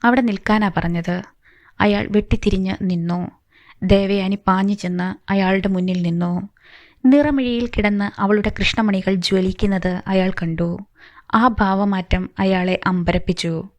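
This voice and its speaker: A woman's voice: mid-range voice, fairly even intonation, measured pace, no echo. A woman reading a novel aloud as an audiobook storyteller, voicing every character in her own plain voice.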